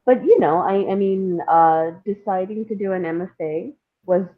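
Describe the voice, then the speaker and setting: A woman from India, a playwright and screenwriter, is the guest in a reflective interview. Her mid-range voice comes at a normal speed through phone-quality sound, and she speaks thoughtfully and hesitantly, with self-deprecating humor.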